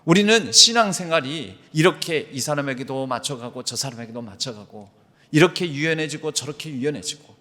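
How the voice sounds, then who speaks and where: A man's voice: mid-range voice, expressive, fairly quick, bright, forceful tone. A man preaching a sermon as the church's pastor, reading passages from a book aloud with feeling. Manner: reads aloud from a book with emotional emphasis. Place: church sanctuary. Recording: long hall reverb.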